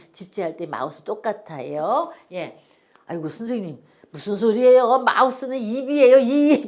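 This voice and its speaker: A woman teaching English phonics to older learners, patiently repeating each word for them to copy. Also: on the high side.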